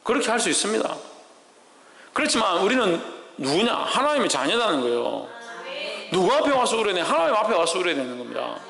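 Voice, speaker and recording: A man's voice: sits high, big pitch swings, brisk, gravelly, a bit bright. A male pastor preaching a sermon, asking the congregation rhetorical questions and answering them himself. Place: church sanctuary. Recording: echoey church hall with long reverb.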